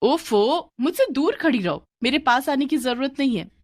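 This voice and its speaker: A woman's voice: sits high, animated, moderate pace, no echo, clean studio sound, voice pushed up. A woman voicing a strict scolding schoolteacher. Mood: stern. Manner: sharp, stern scolding.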